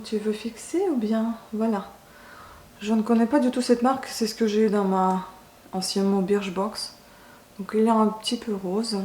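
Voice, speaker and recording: A woman speaks in a relaxed, mellow voice. She chats casually like a beauty vlogger, hesitating and rephrasing as she goes. The room is echoey, with faint noise behind her. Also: medium pitch. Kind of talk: casual makeup chat to camera. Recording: roomy echo, faint background noise.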